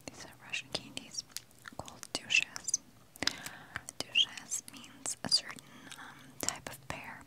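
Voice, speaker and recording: Casting: woman for a whispered ASMR unboxing, fully unvoiced and breathy, thinking aloud gently at close mic. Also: slow pace. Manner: talks with a candy in the mouth. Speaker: ASMR video creator.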